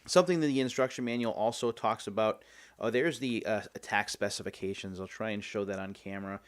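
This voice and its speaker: With a fairly low voice and a brisk delivery, the host of a game unboxing series keeps up a chatty, casual commentary, musing out loud while he works through the unboxing.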